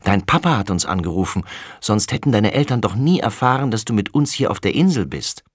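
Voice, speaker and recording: Ein Mann spricht ein flinkes, eifriges Mädchen. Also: male voice, fairly low pitch, very animated, brisk, slightly rough, dry recording, studio quality. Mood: eager. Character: young girl, eager and quick.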